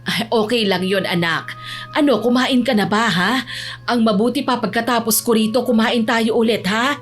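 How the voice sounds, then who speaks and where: A woman voicing a caring middle-aged mother who talks softly and dotingly. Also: fairly high pitch, normal speed, soft background music, lightly acted. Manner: soft and doting.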